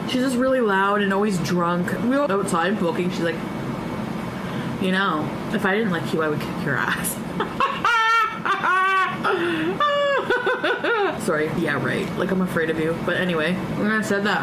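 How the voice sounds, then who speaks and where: A woman's voice: fairly low pitch, brisk, very noisy. A woman casually recounting a personal story, chatty and blunt, swearing freely and laughing often. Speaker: storyteller recounting her past.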